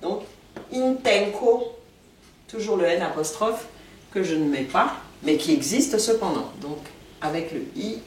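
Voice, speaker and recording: A woman's voice: deep voice, animated, normal speed. A woman teaching vocabulary in a patient lesson, repeating each word carefully for learners. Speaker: language teacher. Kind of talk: slow, deliberate language lesson. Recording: echoey room, far from mic, faint noise.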